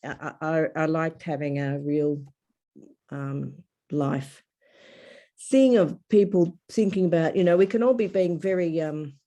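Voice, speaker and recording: Woman, mellow tone, halting reflective video-call talk. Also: low voice, fairly even intonation. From Australia. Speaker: workshop participant. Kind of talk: casual discussion on a video call. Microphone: laptop webcam on a video call.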